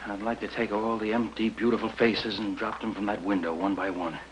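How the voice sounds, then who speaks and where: An actor playing a bitter, frustrated young artist who talks in a brooding, sardonic way in a 1950s TV drama. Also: male voice, fairly low pitch, flat delivery, fairly quick, slight background noise, natural voice, low-quality recording.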